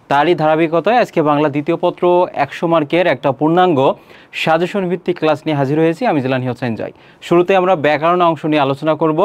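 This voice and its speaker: A young man leads an exam-prep grammar lesson, asking students questions and answering them himself. His voice sits a little high, broken by hesitant "ah" fillers and throat clearing. The sound is close and dry, with no room echo. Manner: explains step by step, quizzing students with questions. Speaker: teacher.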